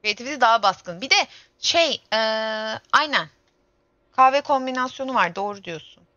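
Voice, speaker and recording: A woman's voice: a little high, animated, moderate pace, pushed and bright, dry recording. A young woman in her twenties streaming a game, chatting casually and grumbling and exclaiming to herself as she plays. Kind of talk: casual gameplay livestream chat. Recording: dull lo-fi stream audio with faint game music.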